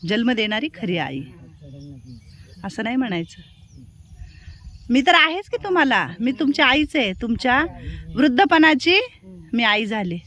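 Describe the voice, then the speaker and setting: Caretaker woman, Marathi accent, high bright pitch, soft motherly coaxing with gentle scolding. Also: very animated, unhurried, long pauses. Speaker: old-age home caretaker. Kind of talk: caring talk with elderly residents.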